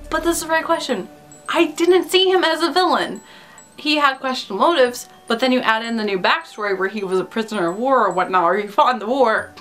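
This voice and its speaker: A woman with a slightly high voice gives a casual, opinionated film review to her viewers. She gushes and giggles, animated and earnest in her enthusiasm, with faint music playing quietly behind her. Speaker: YouTuber reviewing films.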